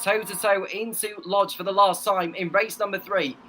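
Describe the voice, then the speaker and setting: A man's voice: high voice, steady tone, normal speed, bright, forceful tone, a little hiss or hum. A man doing live race commentary as a motorsport commentator working alongside a partner.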